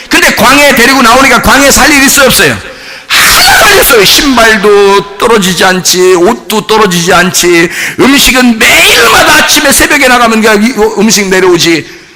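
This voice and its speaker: A male pastor preaching a sermon in church. He keeps asking the congregation questions and at times breaks into shouting. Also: extremely high pitch. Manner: animated, rhetorical questions to the congregation, bursts of shouting.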